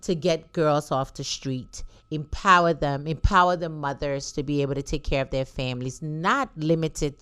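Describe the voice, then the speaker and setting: A woman's voice: sits low, steady tone, normal speed, hardly any pauses, a bit bright, clear, resonant tone. A woman in her forties from Liberia, a guest entrepreneur telling her story in a talk show interview and laughing easily. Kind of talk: casual interview chat.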